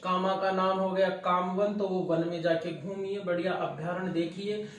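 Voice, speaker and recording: A man's voice: high-pitched, steady tone, moderate pace, a little hiss or hum. A man teaching English grammar, calling his viewers dear children and answering his own questions as he goes. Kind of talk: classroom lesson to students. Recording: very echoey room, voice from far off.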